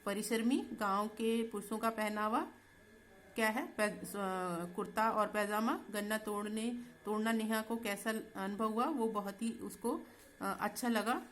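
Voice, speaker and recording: A woman teacher going through textbook exercises with students in a slow, patient way, often checking in as she goes. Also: medium pitch, steady tone, fairly bright tone, a little hiss or hum. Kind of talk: Hindi textbook exercise lesson.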